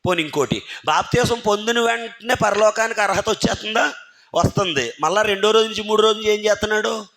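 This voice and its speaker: High-pitched guy preaching in a church, keeps quizzing the crowd, pushy emphasis. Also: quick pace, a bit bright, slight background noise. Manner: keeps firing rhetorical questions at the congregation and calling on listeners by name; emphatic, urging listeners to think carefully. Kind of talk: sermon. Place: church hall.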